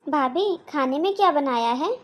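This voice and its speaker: A woman's voice: high voice, expressive, moderate pace. A woman voicing a petulant young married woman in a cartoon, whiny and complaining. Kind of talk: cartoon voice acting.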